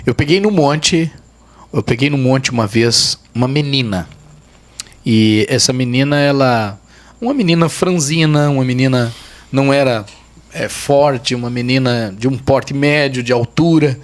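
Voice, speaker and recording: A man's voice: mid-range voice, measured pace. Emphatic pastor man telling a testimony. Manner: emphatic, repeats phrases for weight, vivid retelling. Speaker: pastor and guest. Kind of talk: testimony storytelling in a podcast interview.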